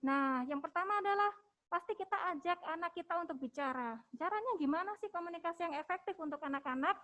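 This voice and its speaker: A woman giving a webinar talk for parents as a hospital health educator, gentle and coaxing, often ending phrases with a soft "ya", with an Indonesian accent. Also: very high voice.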